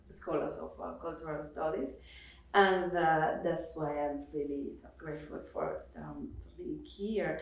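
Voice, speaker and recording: This Cuban-born woman, a professor on an academic panel, has a lowish, creaky voice with a slightly mellow quality. Her spontaneous remarks are hesitant, full of fillers and restarts. The seminar room sounds roomy and echoey, picked up by a distant mic.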